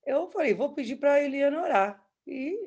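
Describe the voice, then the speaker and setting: A woman's voice: sits high, animated, moderate pace, darkish tone. A woman pastor with a Brazilian Portuguese accent leading a church service and speaking with enthusiasm to the audience.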